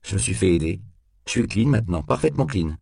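A man voicing a nervous, defensive suspect who stammers and bursts out in shrill panic in an audiobook. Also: animated, quick pace, creaky, darkish tone, dry recording. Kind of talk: audiobook character voice.

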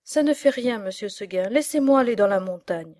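A woman voicing a restless young female goat who gently but stubbornly insists on leaving. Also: mid-range voice, animated, a little fast, no room sound, studio quality, lightly acted.

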